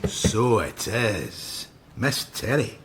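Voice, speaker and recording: An actor playing a blunt, sardonic police inspector with a Scottish accent in a radio crime drama. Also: male voice, fairly low pitch, very animated, drawn-out words, a little hiss or hum, full character voice. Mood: dry, wry.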